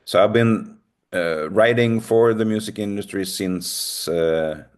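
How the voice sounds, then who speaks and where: Here a middle-aged Swede delivers a recorded lecture in accented English, a second language for him, talking slowly in a lowish voice. He comes across as unsure and self-deprecating, with plenty of ums and uhs.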